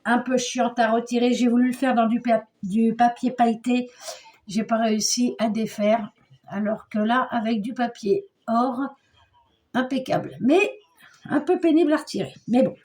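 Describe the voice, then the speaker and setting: A woman's voice: fairly high pitch, fairly even intonation, normal speed, darkish tone. An older woman chatting her way through a homely crafting tutorial, describing each step as she works. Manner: chatty, homely, narrates her hands at work. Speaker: scrapbooking crafter.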